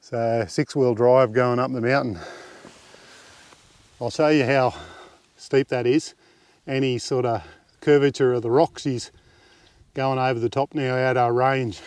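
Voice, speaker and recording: An Australian man vlogging outdoors on a bush track, chatting in a relaxed, rambling way with lots of fillers into a handheld camera mic. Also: medium pitch, unhurried, long pauses, clear, resonant tone, dry recording. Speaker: camping vlogger. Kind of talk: casual walking commentary.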